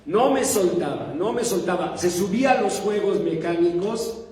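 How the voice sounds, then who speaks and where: A male pastor preaching a sermon, telling a story with quick humorous asides and questions to the congregation. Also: high voice, animated, darkish tone, recorded from a distance. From Mexico. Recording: echoey hall, voice from afar.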